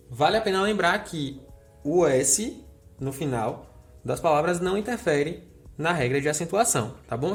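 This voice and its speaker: A man explains a grammar lesson in a friendly manner. He checks in with the viewer as he goes, in a voice that sits a little high for a man. Soft music plays faintly under him. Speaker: teacher.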